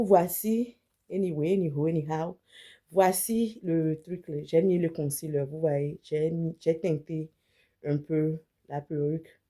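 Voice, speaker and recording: Low-pitched and mellow, this woman speaks casually in a wig unboxing demo, sounding like she has a slight cold. She works as a beauty vlogger and image consultant and mixes English words into what she says.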